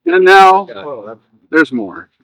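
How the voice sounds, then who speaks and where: A man's voice: on the high side, big pitch swings, very slow, a bit bright, poor audio. A man officiating an informal ceremony, addressing the people gathered.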